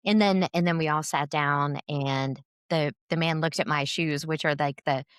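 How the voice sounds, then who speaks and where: A woman's voice: low-pitched, steady tone, normal speed, smooth, no echo, studio quality. A woman co-hosting a podcast, telling a long story in casual chat with lots of fillers and restarts. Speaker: podcast co-host.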